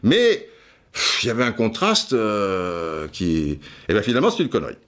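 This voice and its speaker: A man's voice: on the low side, wildly swooping pitch, moderate pace, a bit bright. A man hosting a podcast, telling a rambling, digressive story with many restarts and asides. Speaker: podcast host. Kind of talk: casual storytelling monologue.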